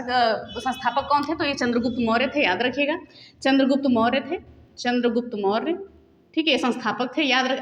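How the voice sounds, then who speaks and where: A woman teaching an exam revision lesson at a brisk clip. Her voice sits high, and she drills each fact by asking it and then answering it herself. The room is echoey, with a long reverb trailing after her words. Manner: repeats key facts as questions and answers.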